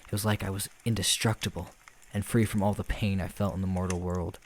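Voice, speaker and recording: A man narrating a scripted first-person horror story in a steady, somber way. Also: deep voice, brisk.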